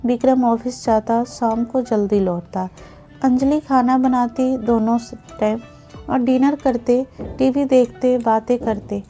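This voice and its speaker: Woman storyteller, scripted narration, calm, very slow, mellow, faint music. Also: a little high. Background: faint background music.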